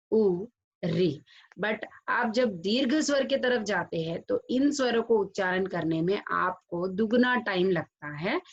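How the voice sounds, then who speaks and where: A woman teacher giving a recorded lesson to children, drawing sounds out slowly and mixing English words into her speech. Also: mid-range voice, breathy edge, highs cut off. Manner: slow, drawn-out pronunciation of sounds for children; mixes English words into Hindi. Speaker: school teacher.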